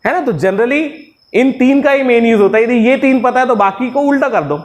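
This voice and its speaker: A man's voice: very high voice, fairly quick. A man teaching a class. He jokes around, calls his students "beta" and keeps checking with them, "hai na?". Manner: jokey, keeps asking "है ना?" and calls students "बेटा". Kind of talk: classroom lecture.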